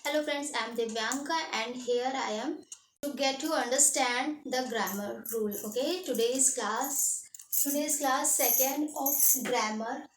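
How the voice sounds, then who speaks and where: A woman's voice: high-pitched, drawn-out words. A woman teaching an English grammar lesson in Hindi and English, explaining step by step and checking in with "okay". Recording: echoey room, distant mic, faint noise.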